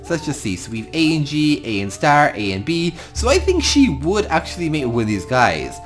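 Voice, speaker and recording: With faint music behind him, an Irish gaming host narrates a game in improvised storytelling style, chatting fondly to the creatures. His mid-range voice is sing-song and a little fast.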